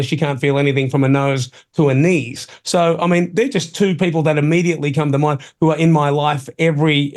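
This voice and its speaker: A man's voice: on the high side, a little mellow. A middle-aged Australian man hosting talk radio, opinionated and colloquial in a blokey, tradesman-like way, often calling people mate. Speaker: talk show host.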